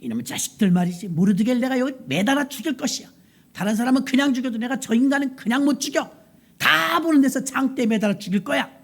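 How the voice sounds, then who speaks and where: A proud, scheming court official with a cowardly streak, as a woman preacher puts him on. He talks big about his own importance and swings into desperate pleading when caught. The voice sits high and theatrical. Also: animated, fast talker. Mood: menacing. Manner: boastful then groveling.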